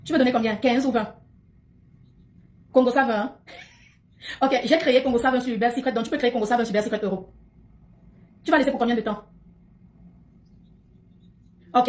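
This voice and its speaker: A woman hosting a casual livestream chat in an emphatic, talkative way, often repeating her phrases. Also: on the high side. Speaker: livestream host.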